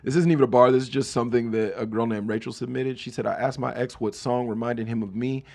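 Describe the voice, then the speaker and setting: A man hosting a comedic podcast, riffing on lyrics with animated energy. His voice has a gravelly, fry-edged texture at a middling pitch. He drifts between low mutters and loud bursts. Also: fast. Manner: animated, riffing, mock-voices quoted lines. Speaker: podcast host. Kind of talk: comedic solo podcast chat.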